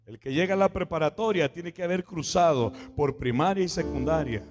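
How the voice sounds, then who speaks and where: A Mexican man preaching a Pentecostal sermon as pastor. He rises to shouts, drops to a hush, and keeps calling out to his brothers and sisters. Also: a little high, fairly quick. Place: church hall. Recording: echoey church with guitar playing behind.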